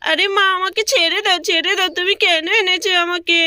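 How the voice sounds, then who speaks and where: Woman voicing a little doll girl, tearful, sulky, whiny, high, bright. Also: fairly even intonation, fairly quick, no echo, studio quality. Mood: stubborn. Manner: whiny and sobbing.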